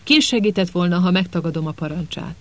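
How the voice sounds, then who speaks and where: A man's voice: high-pitched, fairly bright tone. A man voicing a sniveling, cowering middle-aged male traitor who whines and pleads. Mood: pleading. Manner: whining, pleading.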